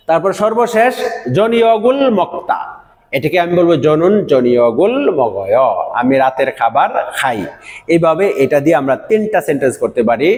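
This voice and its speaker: Echoey man teaching vocabulary slowly. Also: on the high side, darkish tone. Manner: slow drilled repetition of words. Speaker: language teacher. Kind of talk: textbook vocabulary lesson. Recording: echoey room with long reverb.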